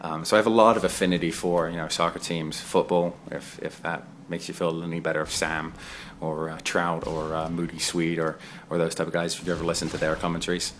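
A man's voice: low-pitched, little pitch movement, fairly quick, fairly bright tone, slight background noise. A man in his thirties who grew up in England, giving casual, digressive voice-over commentary on his own gameplay. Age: 30s. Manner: conversational and digressive, chatty asides. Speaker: gaming video creator.

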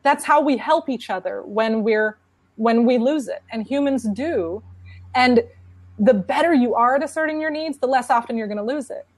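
A woman's voice: fairly high pitch, moderate pace, no room sound. A woman speaking on a panel about parenting, in an earnest, conversational way. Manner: earnest, conversational, many restarts. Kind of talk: casual conference talk.

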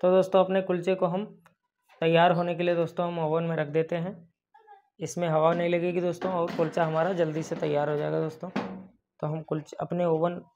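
In a cooking tutorial voice-over, a young baker and channel host uses a highish, darkish voice to take viewers through a recipe, addressing them as friends over and over. A lapel mic records him, and the sound is dull and lo-fi.

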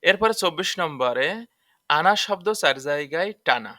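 A man's voice: on the high side, lively intonation, normal speed, sharp tone, dry recording, studio quality. A man teaching a Quran recitation lesson, spelling out letters and vowel marks one by one and repeating each rule patiently. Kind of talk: tajweed lesson explaining letter by letter.

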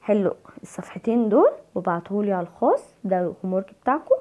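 A woman's voice: medium pitch, big pitch swings, rapid-fire, darkish tone, lo-fi sound. A woman with an Egyptian Arabic accent teaching young children, stretching out words and answering her own questions. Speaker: primary school Arabic teacher. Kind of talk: online lesson for young children.

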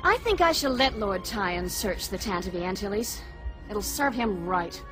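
An actress playing a proud, resolute young princess in a radio drama, poised and assertive. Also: female voice, medium pitch, lively intonation, a little slow, lightly acted. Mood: slyly haughty. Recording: dramatic music behind the voice.

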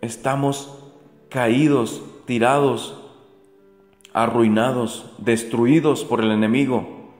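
A man's voice: medium pitch, fairly even intonation, slow, long pauses. A man preaching a daily gospel reflection, earnest and repetitive, asking the faithful rhetorical questions again and again. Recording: echoey room with soft music.

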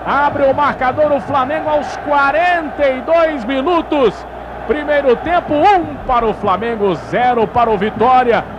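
A man with a Brazilian accent giving explosive live football goal commentary, stretching out shouts and repeating names. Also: extremely high pitch, a little slow, muffled recording. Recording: loud stadium crowd noise behind. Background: roaring football crowd.

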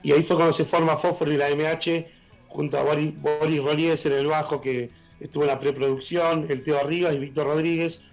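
A middle-aged Argentine man with a worn, husky voice, a blues musician talking enthusiastically on a casual radio interview over a video call. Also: fairly high pitch, level tone, faint music behind, low-quality recording. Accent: Argentine Spanish. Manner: enthusiastic, halting with fillers. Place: room at home, joining by video call.

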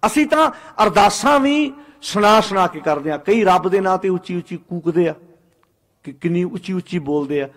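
A man preaching a Sikh sermon, swinging between loud exhortation and low quiet asides, and slowing to chant verses of scripture. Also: animated. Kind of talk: Punjabi sermon with sung scripture.

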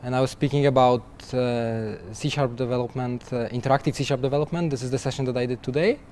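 This young man is a guest software developer speaking freely in an interview at a conference booth, restarting often, repeating words and laughing lightly. He talks quickly in a steady, medium-pitched, darkish voice. Slight background noise can be heard.

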